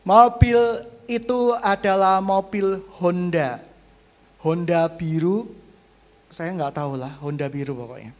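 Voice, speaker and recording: A middle-aged man from Indonesia preaching a sermon as pastor, swinging from loud exhortation to soft storytelling and acting out prayers. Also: high voice. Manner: acts out prayers and dialogue with God.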